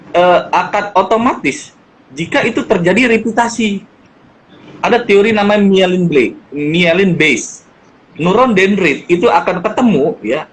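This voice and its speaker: Talking about parenting in a casual chat, this middle-aged male guest speaker gets animated, putting on different voices for the dialogue he quotes. He has a high voice, and the poor-quality recording carries a little hiss or hum.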